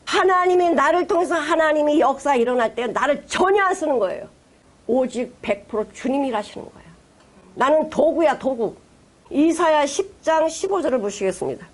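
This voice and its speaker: A woman pastor preaching a sermon, retelling scripture in lively, dramatized storytelling and acting out the voices of those she quotes. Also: sits high, normal speed. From South Korea.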